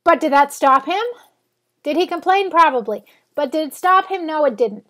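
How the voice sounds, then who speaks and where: With a bright, forceful tone, this woman's high voice is animated and moves at a moderate pace. She's a blogger in her forties with a cold, rambling and self-correcting as she casually chats to her readers in a vlog.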